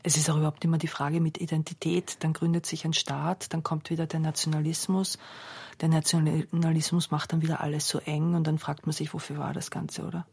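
A woman interviewing a writer, her voice lowish, gravelly and a little husky. She speaks in an even, reflective way with a flat melody. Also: brisk. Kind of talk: conversational interview questions.

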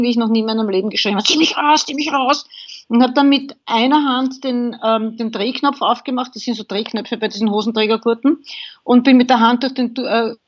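A woman's voice: a little high, dull audio. A woman, a podcast guest vividly recounting a crash she survived. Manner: vivid, animated storytelling. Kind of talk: interview, telling a survival story.

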